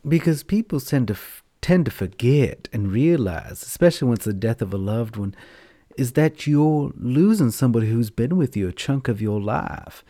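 A man with a campy, theatrical auntie-like manner and drawn-out words, talking casually and unscripted to his podcast listeners. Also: mid-range voice, animated, warm tone, dry recording, clean studio sound. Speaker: podcast host and storyteller.

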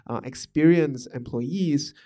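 Slowly and in a fairly high, dark-toned voice, a man from Malaysia talks over management concepts as a podcast host. It's an easygoing, thoughtful monologue with plenty of fillers and restarts.

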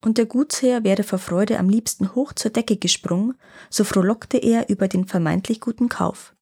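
A woman storyteller reading a fairy tale aloud in a calm, expressive way. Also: mid-range voice, moderate pace, breathy edge.

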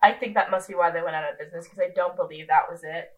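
A woman's voice: on the low side, fairly even intonation, fast, poor audio. A woman in her twenties co-hosting a podcast in casual chat, rambling with lots of ums and restarts. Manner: rambling, self-deprecating, many ums and restarts. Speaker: podcast co-host.

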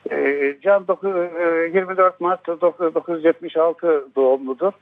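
A man in his seventies talks over a landline phone as a radio guest, his voice sitting a little high for a man. The line is thin and tinny, cutting away the fullness of his voice. He speaks slowly and haltingly, filling gaps with pauses as he gathers his words. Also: steady tone. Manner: slow and halting, many filler pauses. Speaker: guest, father of a jailed lawyer. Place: at home, on the phone.

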